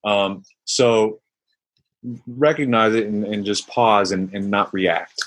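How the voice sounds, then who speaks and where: This man, a former basketball player turned mindfulness coach, is a guest answering interview questions. His lowish voice is steady and a bit bright, moving at a slow pace. He searches reflectively for his answers, with many fillers and restarts, sometimes voicing his own inner thoughts aloud.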